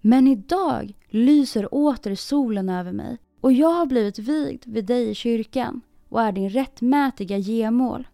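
A woman voicing a steadfast, humble young maiden in a storybook reading, speaking calmly in sing-song rhymes. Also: on the high side, vocal fry, hardly any pauses, no echo, clean studio sound. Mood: solemn.

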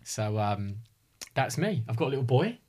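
A man's voice: medium pitch, sing-song, moderate pace, darkish tone, slightly rough. English man with a home counties accent. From Hertfordshire, England. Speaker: podcast co-host, estate agent. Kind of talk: casual podcast chat.

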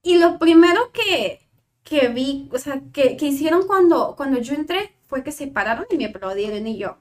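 Speaking at a moderate pace in an expressive, high voice, a young Mexican psychologist recounts a personal story during a casual interview. She acts out the remembered dialogue with plenty of animation.

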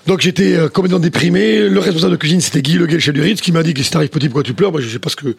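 A middle-aged chef from southwest France with a southwest French accent, telling stories in a rambling way with many restarts. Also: male voice, on the high side, very fast, creaky, husky. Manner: rambling, many restarts, says "tu vois" often. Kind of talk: casual interview storytelling.

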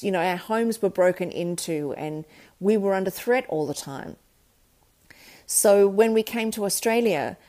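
A South African woman hosts a podcast and tells her life story in a personal monologue. Her mid-range voice is a little mellow, and she speaks candidly, reflectively and earnestly.

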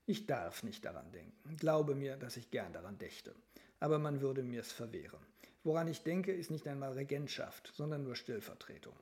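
A man voicing an ailing grand duke, the older brother, who speaks in a formal, tired and measured way in a novel reading. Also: mid-range voice, lively intonation, darkish tone, lightly acted. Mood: weary formal.

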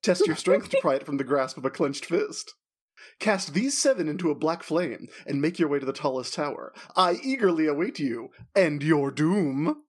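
Villain's magically amplified, booming voice in a tabletop game, menacing and grandiose, slightly husky, put on by a male game master. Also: animated, normal speed. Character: dread male villain's booming voice echoing through a castle.

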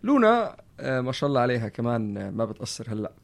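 A man in his thirties with a Levantine Arabic accent, hosting a casual podcast in an animated way, repeating phrases for emphasis. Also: mid-range voice, very fast, gravelly. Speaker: podcast host. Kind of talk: casual conversational podcast chat.

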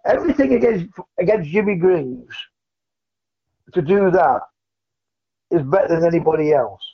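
A man's voice: fairly high pitch, lively intonation, normal speed, breathy edge. A man calling in to a talk show over a phone line, speaking earnestly and often restarting his phrases. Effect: heard over a phone call. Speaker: radio phone-in caller. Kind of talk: casual call-in chat. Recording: muffled phone-line audio.

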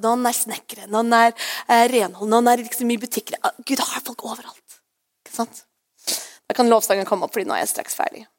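Woman pastor, brightish higher voice, chatty sermon delivery with English words mixed in. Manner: chatty, often asks "right?"; slips English phrases in.

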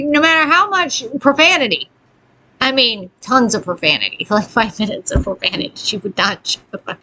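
A woman's voice: mid-range voice, sharp tone. A woman co-hosting a casual chat podcast, laughing often and swearing freely as she tells stories. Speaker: podcast co-host.

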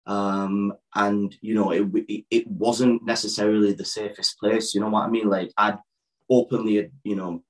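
Low-voiced man telling his life story. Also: level tone, moderate pace, rough recording. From born in Pakistan, raised in West Yorkshire. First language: Urdu. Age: 30s. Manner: open, rambling storytelling with many restarts. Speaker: guest, wrestler. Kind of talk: casual interview.

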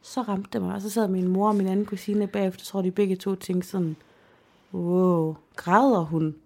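Chatty woman with a gravelly, warm voice. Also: mid-range voice, flat delivery. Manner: emotional storytelling, chatty, many fillers. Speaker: podcast co-host. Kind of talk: casual chat.

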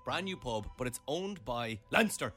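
A man's voice: mid-range voice, sing-song, normal speed, a bit bright, faint music behind. A man co-hosting a radio show in casual chat, playful and fond of saying words aloud.

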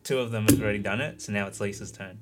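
A man's voice: lowish voice, steady tone, racing. A man chatting casually on a podcast. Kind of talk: casual chat.

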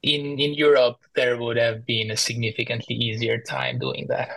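A man's voice: medium pitch, level tone, moderate pace, gravelly, a bit bright, no room sound, low-quality recording. A man with an Albanian accent, speaking casually and good-humouredly as an interview guest. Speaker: podcast guest.

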